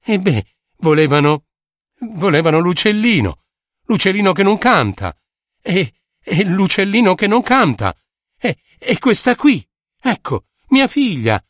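A man's voice: high-pitched, sing-song, measured pace, dry recording, clean studio sound, pitched above the performer's own voice. A man voicing a poor old shoemaker father who stammers in a flustered way.

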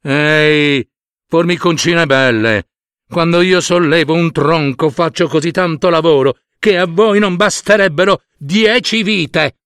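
A man voicing a huge, arrogant elephant in a storybook tale, booming and mocking. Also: dry recording, clean studio sound. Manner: loud, booming, slow, swaggering.

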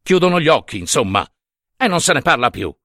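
A man's voice: fairly low pitch, lively intonation, a little slow, fairly bright tone, dry recording, studio quality, pitched below the performer's own voice. A man voicing a burly, mocking middle-aged overseer who talks down to an old man in a dramatized story reading. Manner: swaggering, sneering, condescending.

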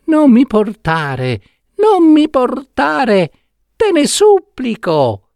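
A man voicing a tiny enchanted young prince trapped in a box, begging in a thin, high little voice. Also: huge pitch swings, drawn-out words, gravelly, a little mellow, dry recording, clean studio sound, exaggerated voice. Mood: pleading. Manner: begging, repeating his plea.

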